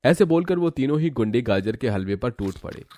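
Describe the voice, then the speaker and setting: A man narrating a cartoon story in a steady, dramatic storytelling manner. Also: mid-range voice, a little fast.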